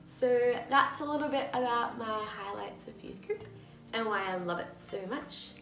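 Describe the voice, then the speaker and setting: A woman's voice: on the high side, normal speed, gravelly. A young woman youth leader talking enthusiastically about what she loves about youth group. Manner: enthusiastic, warm-hearted, bubbly. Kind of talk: casual heartfelt talk. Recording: echoey room with music underneath.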